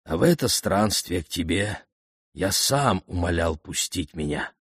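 A man's voice: animated, husky, no room sound, clean studio sound, full character voice. A man doing a humble old messenger. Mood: deferential. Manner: deferential, slow and low. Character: old weather-beaten male royal messenger, humble.

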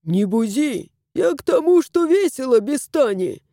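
A woman's voice: sits high, sing-song, measured pace, warm tone, no echo, studio quality, full character voice. A woman doing a teasing house spirit. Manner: teasing, playful.

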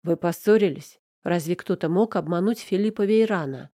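A woman's voice: lowish voice, normal speed, dark tone, no echo, studio quality. A woman voicing a surprised, caring young man in an audiobook, asking startled questions.

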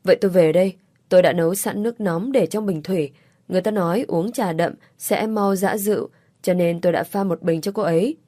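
A woman's voice: lowish voice, fairly quick, dark tone, no echo, clean studio sound, lightly acted. A woman reading an audiobook story, voicing a meek, worried young housemaid who speaks timidly and deferentially.

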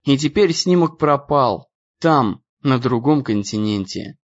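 A man narrating an adventure audiobook in an expressive storytelling reading. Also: mid-range voice, measured pace, muffled recording.

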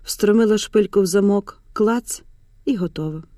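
A woman narrating an audiobook in a hushed, measured storytelling voice, recorded on a close studio mic. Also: mid-range voice, no echo.

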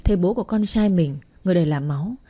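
A woman tells a romance story in the first person, her voice low-set, mellow and husky. The reading is tender and emotional, close on the mic. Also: rapid-fire.

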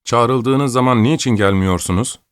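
A man's voice: medium pitch, a little slow, clear, resonant tone, no room sound, studio quality, pitched above the performer's own voice, lightly acted. A man reading an audiobook, voicing an old, imperious countess who scolds and gives orders. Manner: scolding, commanding, querulous.

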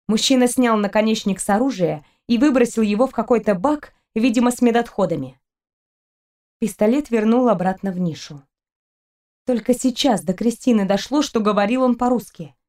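A woman narrating an audiobook in an even, steady reading voice. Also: on the high side, normal speed. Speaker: audiobook reader.

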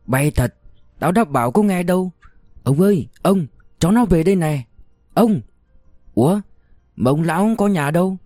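A man's voice: sits high, lively intonation, moderate pace, long pauses, dark tone, dry recording, clean studio sound, faint music behind, pitched above the performer's own voice. A man doing a fussing, scolding old aunt. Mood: fretful scolding. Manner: chattering, scolding. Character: fussing rural aunt, older woman, talkative.

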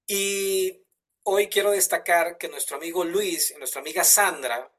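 A man's voice: sits high, unhurried, fairly bright tone. Chatty Mexican male host. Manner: enthusiastic, many fillers and restarts. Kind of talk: live online talk show.

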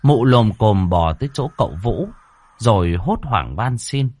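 A man's voice: lowish voice, a little slow, no room sound. Male narrator, horror audiobook, dramatic delivery, dry close-miked sound. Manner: dramatic, expressive storytelling. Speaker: storyteller.

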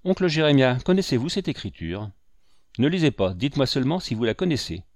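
A man's voice: medium pitch, very animated, fairly quick, a little mellow, dry recording, clean studio sound, close to an everyday voice. A man doing a guarded young schoolmaster. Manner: polite, guarded. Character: tense young male schoolmaster. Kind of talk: audiobook character voice.

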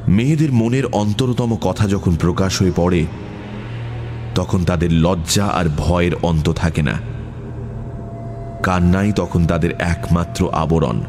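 A man narrating an audiobook story in a measured storytelling manner. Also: deep voice. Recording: music bed under voice.

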